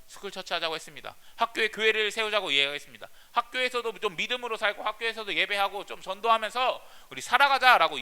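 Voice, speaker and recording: A youth pastor delivers his sermon with a high, very animated voice that swoops up and drops low. His tone is strikingly bright and crisp as he asks rhetorical questions and answers them himself, drawing the listeners in with call-and-response.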